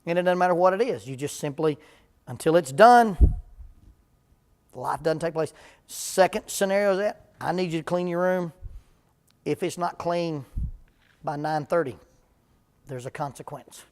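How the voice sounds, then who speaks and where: A man's voice: on the high side, moderate pace, pauses often, a little mellow. A man, a preacher leading a parenting seminar in plain-spoken, humorous talk before a live church audience.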